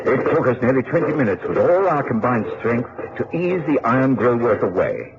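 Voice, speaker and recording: An actor in a radio drama playing an earnest, loyal Victorian doctor who is both companion and narrator. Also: male voice, mid-range voice, sing-song, fairly quick. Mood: grave narration. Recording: muffled, hissy old radio recording.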